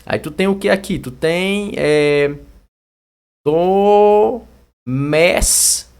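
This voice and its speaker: A young Brazilian man teaching an exam-prep Portuguese lesson in a chatty, lively way, now and then shouting out words to show the stressed syllable. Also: on the high side, a little slow, clear, resonant tone.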